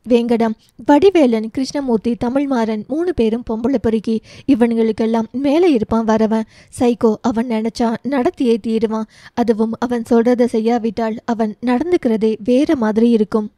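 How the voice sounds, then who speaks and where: A blunt, worldly big-sister figure speaks plainly and protectively, as a narrator puts her on. Her voice is very mellow and deep in tone, placed a little high. It is a storybook reading with a dry, close sound. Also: normal speed, dry recording, lightly acted. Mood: warning. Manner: blunt, scolding advice.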